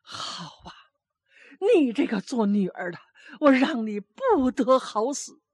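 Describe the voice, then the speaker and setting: A woman's voice: on the high side, expressive, measured pace, no echo. A woman voicing a grieving old grandmother who scolds, then pleads with remorse. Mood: wailing.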